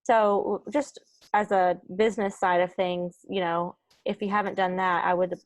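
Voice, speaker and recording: A woman guest in a casual interview, upbeat and thinking aloud with many pauses. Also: medium pitch, little pitch movement, dry recording. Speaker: podcast co-founder guest.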